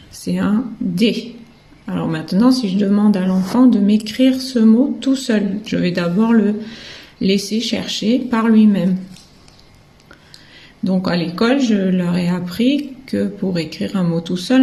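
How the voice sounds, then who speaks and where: In a slow, step-by-step lesson, a kindergarten teacher from France describes how kids come to write words by sounding out each syllable and letter. Her voice sits in the middle range and has a dark quality, and her manner is patient.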